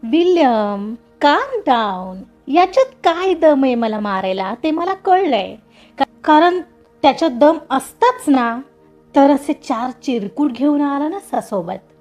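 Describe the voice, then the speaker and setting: A woman voicing a calm, self-assured young man who answers a bully with amused dismissal in a storybook reading. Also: sits high, takes it slowly, lo-fi sound, faint music behind, full character voice. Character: calm, cocky young male hero.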